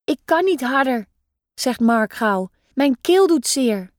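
A woman voicing a timid young boy who plays a father gull, speaking meekly in a lowered voice. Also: expressive, takes it slowly, no echo, studio quality.

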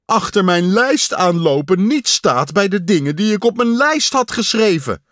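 A man's voice: a little high, animated, unhurried, dry recording, voice pushed up. A fussy, anxious toad from a storybook, put on by a male narrator, wailing in a raised, strained voice that swings wildly up and down. He sounds close and dry, with no room around him. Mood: panicky. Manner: wailing, panicky when upset.

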